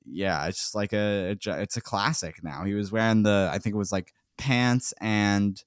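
A man's voice: fairly low pitch, moderate pace, smooth, no echo, studio quality. A man co-hosting a casual sports podcast, recapping a game with frequent laughs and reading out player lists. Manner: chatty, laughs often, reads player lists. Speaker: podcast co-host.

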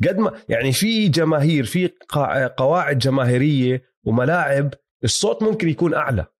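A man's voice: on the high side, expressive, brisk. A man with a Levantine Arabic accent co-hosting a casual sports chat, mixing English terms into his Arabic. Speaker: sports podcast co-host.

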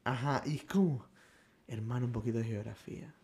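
A man from Ecuador with an Ecuadorian accent, co-hosting a casual podcast chat and telling relaxed stories. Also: mid-range voice, a little fast. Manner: relaxed storyteller who tags phrases with "loco". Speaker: podcast co-host.

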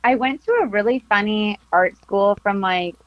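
A twenty-something film photographer from Costa Mesa, California, chats as a podcast guest in a casual interview, laughing often and filling with likes and ums. Her voice is medium-pitched at normal speed, and the lo-fi recording has no room sound.

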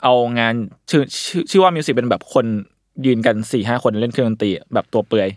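A young man hosting a casual chat, telling a story in lively fashion and acting out quotes with crude slang. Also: mid-range voice, brisk, no echo, studio quality. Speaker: podcast host explaining an artist's story.

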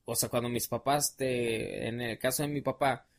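A young man with a Mexican accent tells stories loosely, full of slang and hesitations. His pitch sits in an ordinary middle range, and he drifts from one detail to the next in a relaxed podcast chat. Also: moderate pace, gravelly. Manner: rambling, slangy, many fillers. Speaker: podcast guest. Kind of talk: casual storytelling chat.

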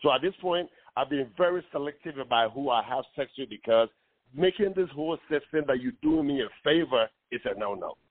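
A man in his forties from Ghana, calling in to a radio talk show, speaking earnestly with many pauses and fillers. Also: mid-range voice, animated, no echo. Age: 40s. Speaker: caller. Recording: tinny phone line.

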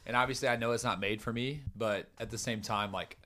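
A young man in his twenties with a lowish voice talks casually on a podcast recorded at home. He makes his case with confidence and laughs easily. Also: brisk, background noise. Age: 20s. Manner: relaxed, opinionated, laughs easily. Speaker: podcast co-host. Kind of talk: casual chat. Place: room in his house.

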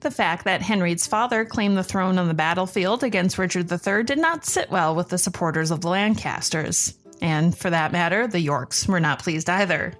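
A woman's voice: lowish voice, animated, moderate pace, few pauses, soft background music. A woman hosting a podcast, reading scripted narration. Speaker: podcast host.

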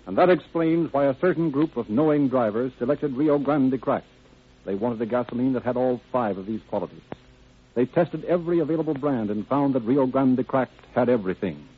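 A man with a medium-pitched, husky voice announces and narrates a scripted 1930s radio program at a brisk clip. His delivery is formal and salesmanlike. The recording has a tinny 1930s radio sound.

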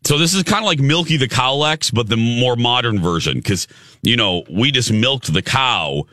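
A man's voice: mid-range voice, animated, normal speed, pushed and bright, dry recording, studio quality. A man hosting a talk show in casual, playful banter, rambling a little as he goes.

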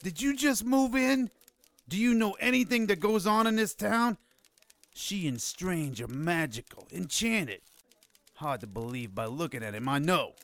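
A man's voice: medium pitch, lively intonation, a little slow, fairly bright tone, no echo. An actor playing a cocky, mocking wise guy in an audio drama, sardonic and taunting in the way he talks. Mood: mocking, impatient.

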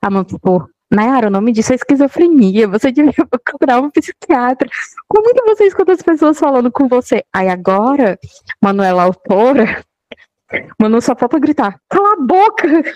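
A woman's voice: a little high, animated, normal speed, dark tone, no room sound, dull audio. A woman with a Brazilian accent, co-hosting a podcast and chatting casually with a joking tone. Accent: Brazilian Portuguese. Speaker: podcast co-host. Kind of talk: casual chat.

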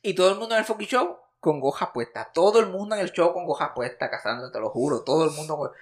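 A man's voice: on the high side, fast talker. Profane Puerto Rican man in his thirties. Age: 30s. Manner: animated, profane, mixes English words in. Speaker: podcast co-host. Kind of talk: casual chat.

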